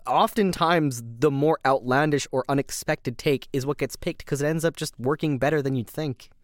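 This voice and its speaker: A man's voice: fairly high pitch, moderate pace, no echo, studio quality. A man hosting a podcast, talking casually about voice acting and laughing often. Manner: chatty, laughs often, mimics casting calls. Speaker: podcast host. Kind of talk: casual chat.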